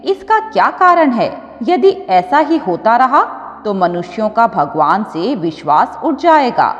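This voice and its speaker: Earnest goddess Parvati voiced by a woman, echoing. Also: a little high. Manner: pleading, earnest. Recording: dull audio with long reverb.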